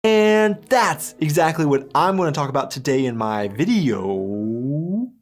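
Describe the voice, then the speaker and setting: Male explainer narrator, American accent, expressive melodic delivery, scripted video-essay read. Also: fairly high pitch, a little slow, soft background music. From United States. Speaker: video essayist on cultural differences.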